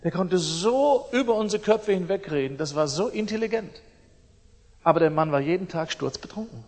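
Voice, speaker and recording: A middle-aged man preaching a sermon, emphatic and repeating his phrases, swinging between loud outbursts and soft asides. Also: high voice, animated, moderate pace. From East Germany. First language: German. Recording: long hall reverb.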